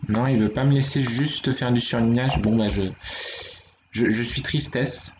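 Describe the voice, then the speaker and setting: A man's voice: mid-range voice, fairly even intonation, measured pace, noisy background. Patient man teaching on a live stream. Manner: patient, explanatory, talks to chat viewers. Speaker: streamer teaching Korean writing. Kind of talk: live-streamed language lesson. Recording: dull, roomy home stream audio.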